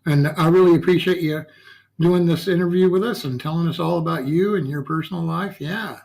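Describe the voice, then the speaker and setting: Gravelly-voiced man hosting a chat show. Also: on the high side, a little fast, a little mellow, a little hiss or hum, poor audio. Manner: folksy, tags lines with "okay?" and "yeah". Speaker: talk show host. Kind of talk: casual interview chat.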